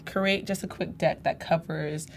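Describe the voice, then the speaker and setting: A woman with a somewhat low-pitched voice talks easily and conversationally, laughing often as she walks viewers through her process. She comes from Arizona and says "y'all" now and then. Faint room noise sits under the recording. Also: steady tone, unhurried. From United States (Phoenix, Arizona). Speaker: guest portrait photographer. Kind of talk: casual livestream tutorial chat. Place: studio in San Francisco.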